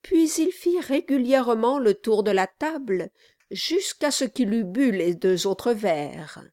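A woman narrating a classic novel with measured, expressive storytelling, in a dry close recording. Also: fairly high pitch, no room sound. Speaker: audiobook narrator.

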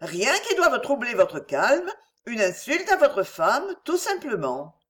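A woman voicing a witty, ironic young French noblewoman who teases with a bright, laughing manner. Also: on the high side, very animated, normal speed. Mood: teasing.

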